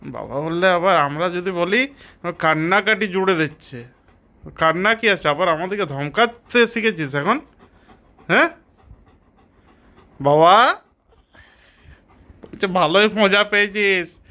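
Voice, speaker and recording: A man chats with his pet dog in a casual home-video style, teasing it and scolding it playfully. His voice sits high and bright. He speaks at an unhurried, drawn-out pace. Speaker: pet vlogger.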